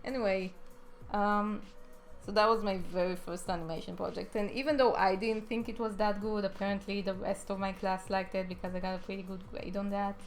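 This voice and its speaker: A young adult woman, an animator, narrates her speed draw video in a casual, chatty, self-deprecating ramble, saying her R's like W's. Her medium-pitched voice stays flat and moves fairly quickly. Music plays behind her.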